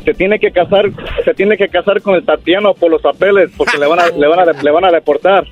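A man calling in to a radio show, talking haltingly and repeating words as he makes his request. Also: high voice, steady tone, muffled recording, over music. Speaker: caller. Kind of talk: casual phone call.

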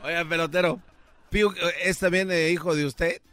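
A man hosting a radio show, teasing a guest with quick questions in casual comedic banter. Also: fairly high pitch, steady tone, sharp tone, a little hiss or hum. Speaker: radio host.

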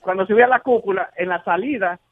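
A man's voice: high voice, fast. A man calling a radio show and chatting casually. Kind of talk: casual travel chat. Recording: band-limited phone call to radio.

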